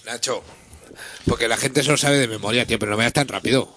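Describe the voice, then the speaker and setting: Man, radio co-host, teasing and rambling, fast, dry close mic. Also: medium pitch, fairly bright tone, no room sound. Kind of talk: casual live radio chat.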